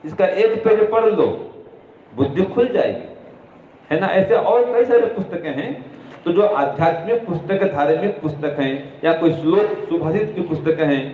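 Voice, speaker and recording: A man's voice: fairly high pitch, expressive, normal speed, slight background noise. A man giving moral instruction to students in a didactic way, repeating his points and answering his own questions. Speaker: religious teacher addressing students. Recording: echoey room over a tinny phone-like line.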